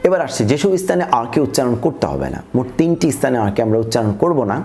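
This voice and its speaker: A man with a Bangladeshi accent gives a methodical pronunciation lesson. His voice has a gravelly edge and sits at an ordinary pitch. He says each example word twice. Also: lively intonation, very fast, dark tone. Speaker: English pronunciation teacher. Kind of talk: scripted lesson narration.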